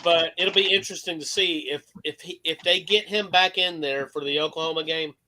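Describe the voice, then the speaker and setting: A man in his fifties hosts a loose sports chat with a sharp, bright voice that sits fairly high. He rambles, swears freely and pushes his opinions hard. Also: a little fast, a little hiss or hum, low-quality recording. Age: 50s. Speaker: host.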